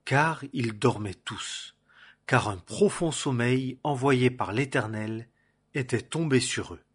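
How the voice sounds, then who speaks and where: A man reading scripture aloud in a measured way, announcing paragraphs and verses. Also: mid-range voice, slightly rough. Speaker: scripture reader.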